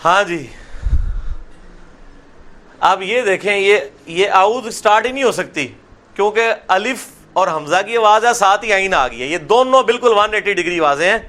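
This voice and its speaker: A middle-aged man gives a lesson on recitation in a bright, forceful voice. He explains each sound carefully, then draws the words out slowly for his listeners to repeat, dropping into asides now and then. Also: high voice, expressive. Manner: slips into Punjabi asides. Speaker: religious lecturer teaching prayer recitation. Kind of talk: classroom lesson with slow drawn-out recitation.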